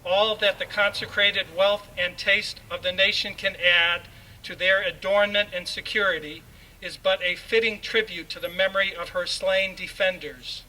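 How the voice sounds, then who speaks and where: Captured on a distant mic over faint background noise, a man reads a formal proclamation aloud as a ceremonial reader. His voice is high, pushed, and bright, and his delivery is solemn and oratorical.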